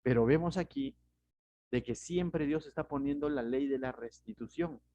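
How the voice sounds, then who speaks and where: A man's voice: medium pitch, normal speed, dark tone, lo-fi sound. A man with a Peruvian Spanish accent, a pastor giving verse-by-verse Bible teaching in a conversational way, often asking rhetorical questions.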